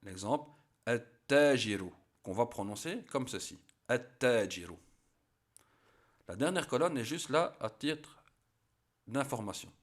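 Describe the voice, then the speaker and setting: A man teaching a language lesson, saying each example word slowly and then repeating it so learners can copy the pronunciation. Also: mid-range voice, lively intonation. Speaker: Arabic teacher. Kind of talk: slow spoken lesson.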